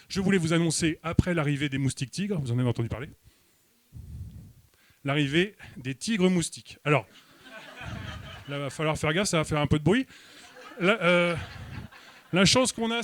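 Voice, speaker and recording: A man with a French accent performing a stand-up comedy set on a comedy club stage, delivering his jokes with deadpan, mock-serious hesitation. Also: on the high side, a little fast, pauses often.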